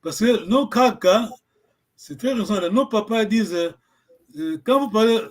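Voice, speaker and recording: A man from Congo runs a relaxed language lesson in a high, light voice. He talks in a halting way, full of fillers and restarts, as he searches for the right word. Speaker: Kikongo language teacher. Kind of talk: informal online language lesson.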